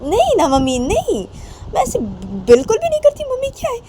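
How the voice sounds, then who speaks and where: A woman's voice: extremely high pitch, wildly swooping pitch, moderate pace, warm tone, slight background noise, pitched above the performer's own voice, heavily acted. A woman voicing a young woman who pleads and denies an accusation. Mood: pleading. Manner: pleading, denying. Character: young woman denying her mother's accusation.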